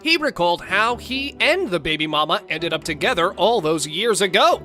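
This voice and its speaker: A woman's voice: on the low side, expressive, normal speed, pushed and bright, faint music behind. A woman narrating in a playful, theatrical scripted style, with sassy, slangy asides. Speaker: narrator of a court show recap.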